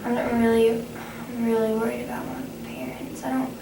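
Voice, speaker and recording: A young adult woman speaking haltingly, often restarting phrases, in a conversational counseling role-play as the client. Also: on the high side, flat delivery. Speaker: student playing a counseling client. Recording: echoey, distant, noisy room recording.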